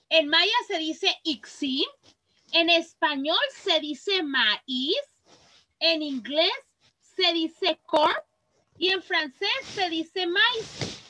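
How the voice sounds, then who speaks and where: A woman's voice: very high-pitched, sharp tone, poor audio. An adult woman teacher with a Mexican accent, leading a class for children and patiently reading words aloud one by one. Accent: Mexican Spanish. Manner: patient, reads words aloud slowly and clearly.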